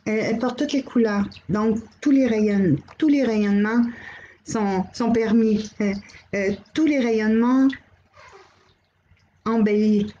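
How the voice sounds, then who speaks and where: A middle-aged woman with a Québécois accent, hosting a live channeling stream, gently relaying messages and greeting viewers by name. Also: on the high side, slow pace, lo-fi sound, a little hiss or hum. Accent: Québécois French. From Quebec.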